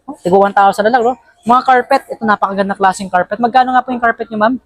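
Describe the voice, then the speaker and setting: A woman's voice: on the high side, racing, dry recording. A woman with a Filipino accent, chatty and upbeat, walking viewers through a warehouse sale in a vlog. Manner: upbeat, chatty, frequent tag questions. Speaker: vlogger touring a store sale. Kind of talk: walk-through shopping vlog. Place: large indoor warehouse store.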